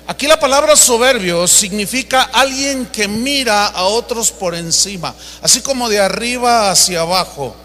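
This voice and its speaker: A man's voice: high voice, sharp tone. A man preaching a sermon, emphatic and acting out stories as he goes. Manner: emphatic preaching with acted-out anecdotes. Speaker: pastor. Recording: reverberant hall.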